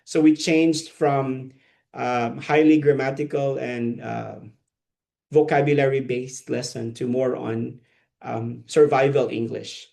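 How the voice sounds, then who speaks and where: Mellow and gravelly, this Filipino man's mid-range voice holds a steady tone and a slow pace. He trains ESL teachers in a live online session, mixing conversational lecturing with questions for the trainees.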